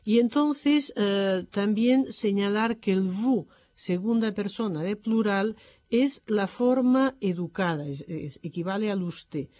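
Woman teacher, methodical explainer who pauses with fillers, warm low-key timbre. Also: no room sound. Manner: methodical, often pausing on "eh" and "entonces". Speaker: French language teacher. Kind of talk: explanatory lecture.

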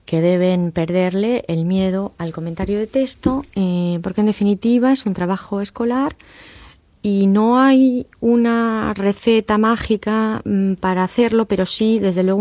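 A woman lecturer explaining text analysis in a measured way, often pausing with "eh" and tag questions. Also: medium pitch, darkish tone, no echo. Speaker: university lecturer.

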